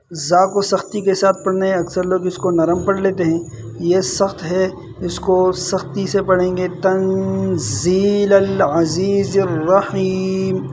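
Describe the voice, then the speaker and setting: A male Quran teacher, moving between brisk explanation and slow, drawn-out recitation. His voice sits high and stays level in pitch. He points out errors plainly and then chants each verse carefully. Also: a little mellow, a little hiss or hum. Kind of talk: tajweed lesson with recited examples.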